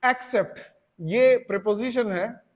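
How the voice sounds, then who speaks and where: A man with an Indian accent teaching English vocabulary, explaining in Hindi, reading English examples slowly and asking his students rhetorical questions. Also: very high-pitched. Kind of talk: classroom lesson. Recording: long reverb, echoey classroom.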